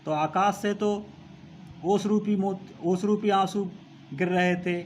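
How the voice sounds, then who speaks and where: A male teacher who recites lines of a poem slowly and then explains them, repeating phrases as he goes. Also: high-pitched, steady tone, darkish tone, slight background noise.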